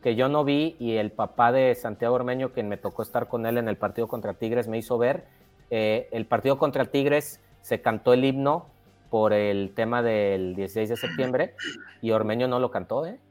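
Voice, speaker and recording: A man, co-hosting a casual sports chat and explaining his points in a relaxed way. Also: mid-range voice, normal speed, soft background music. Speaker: podcast co-host.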